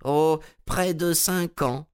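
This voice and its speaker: A man's voice: a little high, slow pace, clear, resonant tone, voice pushed up. A man voicing a timid elderly male collector, meek, polite and a little stammering.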